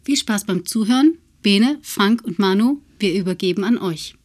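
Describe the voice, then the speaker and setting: A woman's voice: mid-range voice, lively intonation, normal speed. A woman hosting a podcast, reading a friendly, welcoming scripted intro. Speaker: podcast host.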